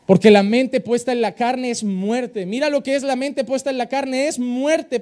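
A man with a Spain Spanish accent preaches a sermon as a pastor. His voice sits unusually high for a man, and he delivers it animatedly, acting out the people he quotes. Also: warm tone.

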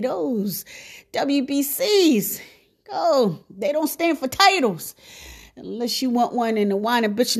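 Sassy, animated woman ranting to viewers. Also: high-pitched. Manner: sassy, blunt, preachy with slang. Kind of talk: casual monologue to viewers.

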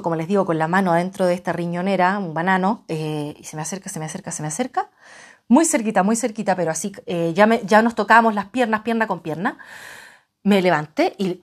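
Animated Chilean woman telling a story. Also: fairly low pitch. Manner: animated, swinging between loud exclamations and hushed asides. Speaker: travel vlogger. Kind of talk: dramatic personal storytelling.

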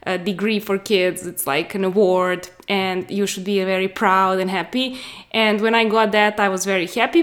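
A woman talking through a personal story in a conversational way, with frequent fillers and pauses, and ending on an earnest motivational note as a podcast host offering business advice. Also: medium pitch.

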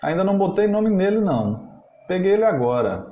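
A man's voice: high-pitched, big pitch swings, brisk, warm tone, voice pushed up. A man voicing a poor, barefoot country boy of about ten who keeps politely refusing to sell, in a roomy, slightly dull recording. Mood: shy, stubborn. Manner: shy, repeatedly polite refusals.

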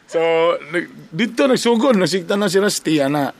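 A man hosting a casual chat, animated, laughing often and mixing in English phrases. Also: high voice, moderate pace, very noisy.

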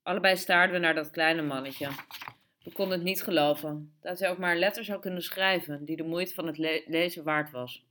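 A woman reading a story aloud in steady, measured narration. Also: on the low side. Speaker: audiobook reader. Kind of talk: scripted narration.

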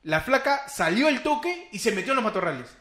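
Lively high-voiced Peruvian man telling stories. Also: fairly quick, reverberant. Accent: Peruvian Spanish. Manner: animated, slangy, laughing retelling of spooky stories. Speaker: podcast host. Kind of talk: casual storytelling chat.

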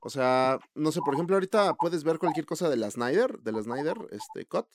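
A young man with a Mexican Spanish accent co-hosting a casual movie chat, slangy and animated, acting out quoted reactions. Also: fairly high pitch, brisk. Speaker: podcast co-host.

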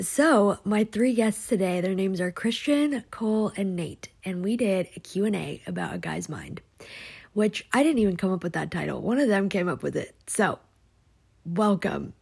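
A young woman hosts a casual podcast in a bright, chatty way, dropping fillers as she goes. Her voice sits in an ordinary middle pitch, with a slightly husky, breathy edge to it. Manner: upbeat, chatty, with frequent fillers. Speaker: podcast host.

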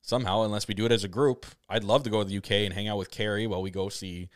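A young man tells a story on a podcast with a lowish voice and an eager, tumbling delivery. He laughs often and restarts his sentences. The sound is close and dry. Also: steady tone, rapid-fire, no echo. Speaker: podcast co-host. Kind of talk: casual chat.

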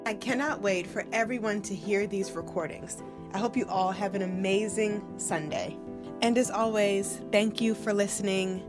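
A woman opens her podcast episode with an eager, welcoming delivery. Music runs clearly beneath her, and her voice sits at an ordinary middle pitch. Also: steady tone, normal speed. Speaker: podcast host. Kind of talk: podcast host introduction.

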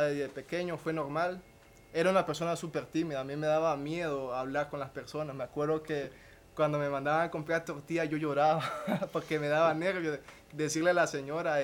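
Young man telling his story haltingly. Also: a little high. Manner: halting, with restarts and a tag question at the end of phrases. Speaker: podcast guest. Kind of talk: personal testimony in conversation.

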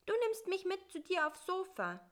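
A woman voicing a small, lonely, chatty male fly in a storybook reading, with a high, quick, plaintive voice. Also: big pitch swings.

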